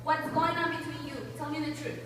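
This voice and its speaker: A woman playing bossy, excitable men in an amateur Shakespeare play, declaiming and stumbling a little over the lines. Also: high-pitched, a little fast, natural voice. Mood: stern. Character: bossy, scolding father, and an excited vengeful prince. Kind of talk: amateur student Shakespeare performance in modern English. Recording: distant echoey hall with faint noise.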